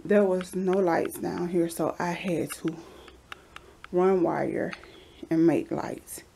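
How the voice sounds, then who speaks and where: Taking things slowly, a woman with a low voice and vocal fry narrates a walkthrough of her house's basement and hallways. She holds the camera as she goes, and there's slight background noise. Relaxed and talkative, she now and then slips into a whisper.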